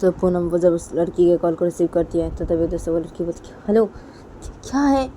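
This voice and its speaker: A woman's voice: on the low side, monotone, fast talker, dark tone, slight background noise. A woman narrating a romantic story in a casual, rambling, repetitive way.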